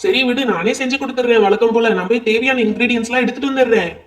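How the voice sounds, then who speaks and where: Fast-talking man, bossy banter. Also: very high voice. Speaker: doll-show voice performer. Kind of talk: playful doll-show voice acting. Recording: echoey, distant mic.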